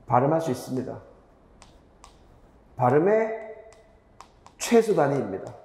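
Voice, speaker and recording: A man's voice: medium pitch, sing-song, a little slow, creaky, warm tone, echoey room, long reverb tail. A man teaching grammar in a lecture, asking students rhetorical questions and repeating key points with emphasis.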